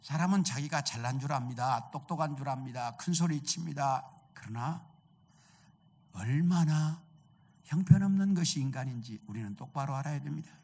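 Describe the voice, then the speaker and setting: A man's voice: mid-range voice, moderate pace, a little mellow. A male pastor preaching a sermon, telling a story and asking the congregation rhetorical questions.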